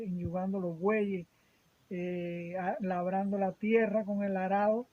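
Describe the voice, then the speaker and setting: Man, flat high voice. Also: dull audio. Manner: plain, hesitant talk. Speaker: sculptor. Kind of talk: interview answer.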